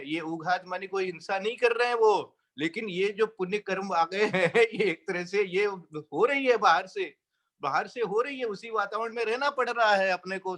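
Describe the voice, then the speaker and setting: A man giving a slow, explanatory sermon on scripture, chanting verses and asking rhetorical questions. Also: high voice, a bit bright. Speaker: Jain scripture teacher.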